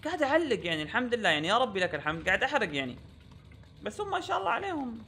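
A man's voice: very high-pitched, big pitch swings, rapid-fire. A young man giving gameplay commentary, exasperated and repeating himself with frequent oaths. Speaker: gaming YouTuber.

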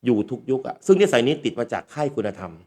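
A man's voice: medium pitch, fast. A man, hosting a casual storytelling talk and acting out the voices of people he quotes. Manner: lively, acts out quoted voices. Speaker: speaker and talk show host.

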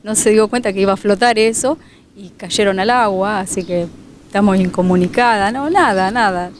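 A woman's voice: mid-range voice, normal speed, slight background noise. Woman, emotional street interview. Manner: fragmented, emotional retelling with many restarts. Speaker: flood-affected resident. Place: outdoors near her home.

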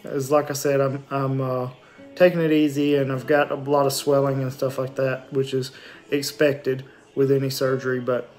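A man in his forties talks plainly to his phone in a casual recovery update. His pitch is average and he pauses often. His throat is sore and his lip and jaw are swollen and stiff. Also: little pitch movement, a little mellow. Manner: halting, matter-of-fact, frequent pauses and throat clearing. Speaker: vlogger giving a post-surgery recovery update. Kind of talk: casual unscripted video diary. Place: small indoor room at home with shelves. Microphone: phone or webcam at arm's length.

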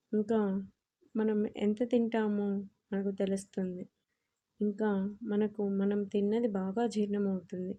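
A woman's voice: mid-range voice, dark tone, lightly acted. A woman voicing an anxious young female student in an audio story, her speech pleading and nervous. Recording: dull lo-fi audio.

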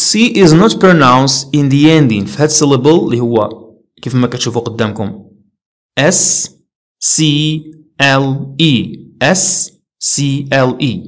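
A young man with a Moroccan accent gives an English pronunciation lesson in a medium-pitched voice. He explains the rules in Darija and reads English rules slowly and carefully.

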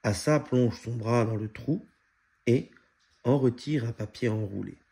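A man reading a children's picture book aloud in a steady storytelling manner. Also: mid-range voice, measured pace, vocal fry, husky. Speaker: storybook reader.

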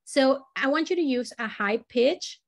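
A woman with a slightly high voice leads a storytelling workshop. She is from Latin America and explains each exercise in a lively, demonstrative way, moving her pitch and loudness around as she models voices for her students. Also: unhurried. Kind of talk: teaching a live workshop.

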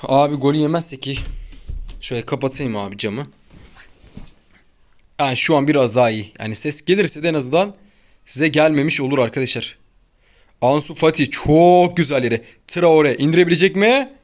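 A man's voice: a little high, moderate pace, long pauses. A young man hosting his gaming channel, talking casually over his gameplay, often exasperated and complaining in slangy chatter, recorded at home. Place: home room near an open window. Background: a child heard outside.

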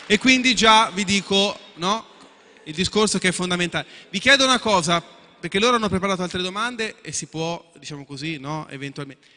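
A man's voice: high-pitched, a little fast, pushed and bright. A man hosting a live quiz, explaining the rules to contestants in a chatty way and often asking if everyone agrees. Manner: chatty, repeats and restarts, asks for agreement. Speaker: quiz show host. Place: event hall with contestants. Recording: echoey hall.

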